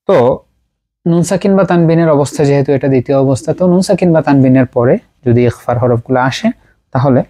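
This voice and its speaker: A man teaching Quran recitation rules. He writes examples on a board as he explains, speaks haltingly with frequent pauses and fillers, and drills each term through slow repetition. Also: a little high, darkish tone. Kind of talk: explanatory lesson at a writing board.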